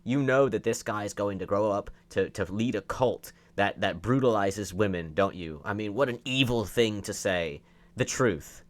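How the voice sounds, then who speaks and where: Reading out posts and arguing back at them, this man speaks at normal speed in a lowish voice. His commentary is opinionated and emphatic, full of rhetorical questions and phrases said over and over.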